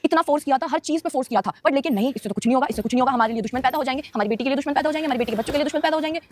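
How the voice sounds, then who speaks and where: A young woman on a casual live stream answering viewers' questions, emotional and defensive, talking straight to her audience. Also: sits high. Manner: emotional, rapid, defensive, addresses viewers directly.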